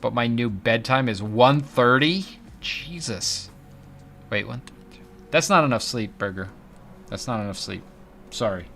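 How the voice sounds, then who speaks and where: Male streamer, casual and jokey, bright ringing tone, faint music underneath. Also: medium pitch, unhurried, vocal fry, long pauses. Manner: chatty, joking, drops into silly voices. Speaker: livestream host. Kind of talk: casual livestream chat.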